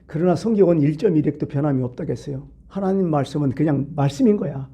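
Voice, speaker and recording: Guy pastor preaching at a wednesday service, kinda husky breathy voice, asks the room lots of questions. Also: a little high, quick pace, warm tone. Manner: conversational preaching with rhetorical questions. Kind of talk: midweek sermon. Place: church sanctuary.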